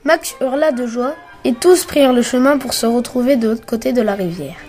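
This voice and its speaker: A woman with a fairly high but mellow voice reads a children's adventure story aloud. Her narration is lively and brisk, and soft music plays faintly underneath.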